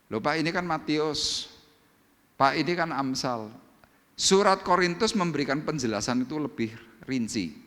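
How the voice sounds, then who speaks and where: A male pastor preaching a sermon, acting out little dialogues as he goes. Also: medium pitch. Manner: animated, acts out little dialogues. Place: church hall. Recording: church hall reverb.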